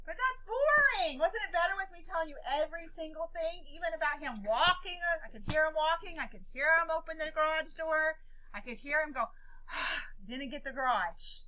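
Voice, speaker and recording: A woman teacher telling her class a personal story, animated and often checking in with questions. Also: high-pitched, fairly quick, highs cut off, slight background noise.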